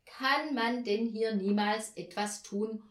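A woman voicing a patient but firm mother in a storybook reading, calm and gently scolding, recorded in an echoey room. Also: on the high side, slow pace. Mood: exasperated.

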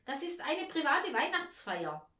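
A woman voicing a plump little red-faced hostess who talks in a shrill, nervous rush. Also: big pitch swings, a bit bright, full character voice. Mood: flustered. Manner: nervous, fast and exclaiming. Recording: roomy echo.

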